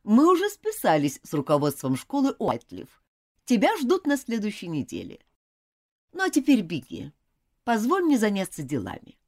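A woman voicing a stern but loving mother who scolds her daughter in a firm, lively voice. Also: medium pitch, normal speed, voice pushed up.

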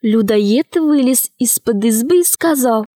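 A woman with a high voice narrates a storybook in a clear, lively way. The recording is dry and close. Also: a little slow, dry recording. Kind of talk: audiobook narration.

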